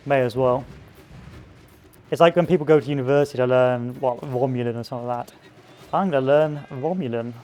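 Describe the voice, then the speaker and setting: A man's voice: mid-range voice, little pitch movement, fast talker, long pauses, mellow, a little hiss or hum. A man giving casual, rambling commentary over a strategy game, drifting into chatty tangents with plenty of fillers. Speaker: gameplay commentator. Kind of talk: casual let's-play commentary.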